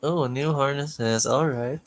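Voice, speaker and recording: A woman's voice: very deep voice, slow. A woman co-hosting a casual live stream, laughing a lot, saying "like" often and repeating her words.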